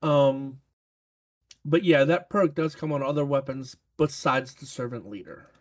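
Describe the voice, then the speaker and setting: A man's voice: mid-range voice, a little slow. A man in a casual gaming chat, rambling with lots of fillers and restarts.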